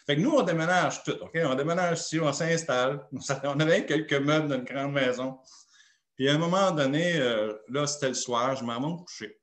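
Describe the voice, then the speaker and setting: Québécois pastor telling a story, echoey room. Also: male voice, on the high side, moderate pace. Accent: Québécois French. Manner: lively anecdotal storytelling, acting out dialogue. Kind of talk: sermon storytelling. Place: church.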